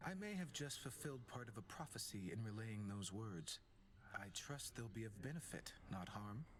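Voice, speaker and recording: A man's voice: fairly low pitch, lively intonation, moderate pace, noisy background, lightly acted. A man voicing a courteous, cryptic spirit seer in a video game, speaking in a formal, enigmatic way. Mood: uneasy wonder. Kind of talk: video game character acting.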